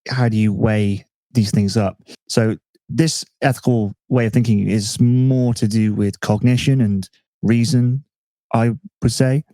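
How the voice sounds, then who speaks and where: A man hosting a casual podcast chat, relaxed and self-mocking, thinking aloud with restarts. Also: fairly low pitch, a little slow, no echo. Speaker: podcast host.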